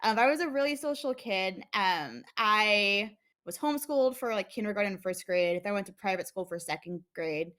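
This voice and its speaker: A woman's voice: mid-range voice, animated, normal speed, a bit bright. Chatty young woman, laughing often. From United States. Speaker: interview guest. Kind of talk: casual interview.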